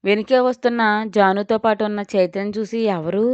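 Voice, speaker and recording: Smooth-voiced woman narrating a story. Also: medium pitch, fairly even intonation, normal speed, no echo. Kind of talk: scripted audio story narration. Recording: dull, dry.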